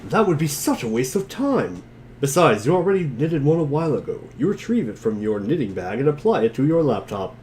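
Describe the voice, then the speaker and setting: Over slight background noise, a man with a mid-range, somewhat mellow voice takes part in a group dramatic reading. His sing-song, slightly quick delivery is wry and theatrical as he moves between narration and dialogue and slips into casual asides.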